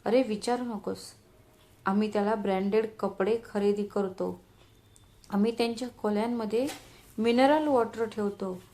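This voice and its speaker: A woman's voice: mid-range voice, dark tone, lightly acted. Woman doing a haughty scheming daughter-in-law. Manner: falsely sweet, then hissing and scornful.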